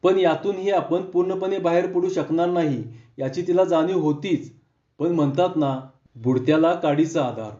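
A man's voice: fairly high pitch, normal speed, dark tone, roomy sound, lo-fi sound. A man narrating a heartfelt village story, reading all the characters' dialogue himself. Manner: reads every character's dialogue himself with small voice shifts.

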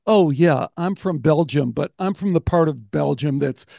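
Speaking into a large arm-mounted studio microphone, a man in his sixties who hosts a podcast holds a lively, casual conversation over a video call, a vivid storyteller who imitates the voices of the people he quotes. His pitch is fairly high with vocal fry, his speed normal, and the sound has no echo.

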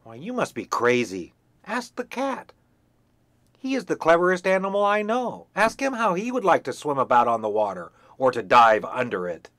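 Storybook hen, female, bossy and haughty, shrill scolding, voiced by a man, high and loud, swooping. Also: sing-song, moderate pace, no room sound.

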